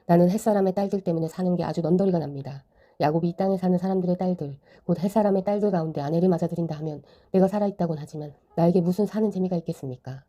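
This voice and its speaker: Woman reading a worried mother giving orders, low dark voice, fast. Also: close to an everyday voice. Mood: urgent. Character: protective scheming mother.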